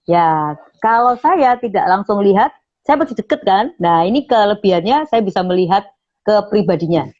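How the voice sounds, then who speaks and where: Speaking in a mid-range, darkish voice with lively intonation at normal speed, a radio station manager discusses public speaking during an online interview. The call audio is muffled, and she frequently says "nah" while acting out sample lines.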